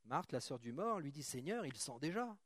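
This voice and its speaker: A man preaching to his congregation, reading Bible passages and then talking to the room casually. His voice sits fairly high, and the sound is dry and close. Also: big pitch swings, moderate pace, a bit bright, no echo. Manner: reads scripture then comments casually, chatty asides to the congregation. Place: church.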